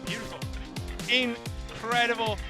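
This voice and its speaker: High-voiced excitable esports caster. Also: male voice, over music. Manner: excitable, quick reactions, mock-scolds the player. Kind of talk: play-by-play commentary.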